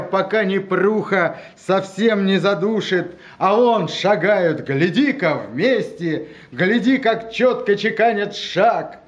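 Male poet, dramatic verse declamation: slow, emphatic, rhythmic; slightly muffled, echoey room sound. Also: high-pitched. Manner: emphatic, drawn-out, rhythmic delivery. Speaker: poet reading own verse. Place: gallery room with seated guests at tables. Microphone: handheld camera nearby.

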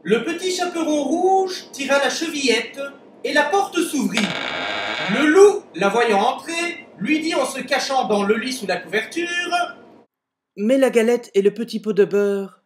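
A man's voice: very high-pitched, lively intonation, measured pace, over music. A man telling a comic version of a fairy tale at home, recorded on a webcam in front of a door, with mock-exasperated asides. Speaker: amateur video maker telling a fairy tale. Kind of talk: comic storytelling.

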